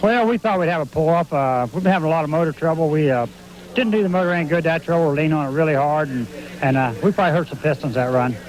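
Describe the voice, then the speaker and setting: A man being interviewed informally as a competitor, speaking haltingly and repeating words. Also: a little high, slight background noise, rough recording. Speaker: competing truck puller, interviewee. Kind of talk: informal post-run interview.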